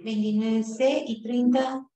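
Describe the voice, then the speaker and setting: A woman teaches a language class, counting syllables aloud at an unhurried, deliberate pace. Her voice is fairly high yet mellow, and it rings with the echo of a roomy space. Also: steady tone. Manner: counting syllables aloud slowly, correcting exercises. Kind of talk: live online class.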